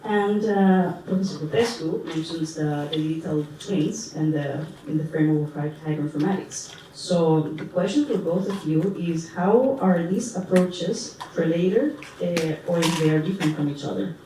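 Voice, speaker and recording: A woman's voice: sits low, normal speed, hardly any pauses, dark tone. A woman moderating a panel discussion, asking questions hesitantly with many fillers. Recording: echoey hall, distant mic, background noise.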